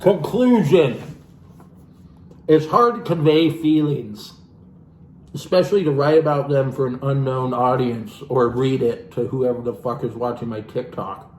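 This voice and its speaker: In an echoey, noisy room, a man of medium pitch reads at a measured pace with a slightly mellow tone. He's hosting a comic book reading, poking fun at the text and adding sweary, offhand comments.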